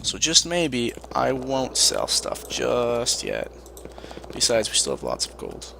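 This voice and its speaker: A man's voice: medium pitch, wildly swooping pitch, slow, vocal fry, noisy background. A man playing a role-playing game, reading its text aloud and commenting wryly in a casual way. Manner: casual, wry. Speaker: let's play host.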